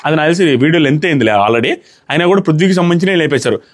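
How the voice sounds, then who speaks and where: A man giving an animated, exasperated review of a reality show episode, often mimicking contestants. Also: a little high, racing.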